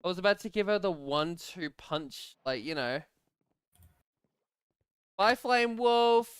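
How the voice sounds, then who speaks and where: A young man streaming a game, chatting casually, often laughing and breaking into frustrated shouts. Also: a little high, brisk, clean tone, no echo, studio quality. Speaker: gaming streamer. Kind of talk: casual gaming chat.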